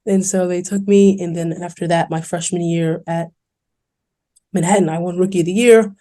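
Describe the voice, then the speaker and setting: Young woman, from New York City, earnest and candid, even pitch, warm mellow tone, interview guest. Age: young adult. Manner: earnest, fast-flowing, quoting others in lively voices. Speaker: college basketball player, podcast guest.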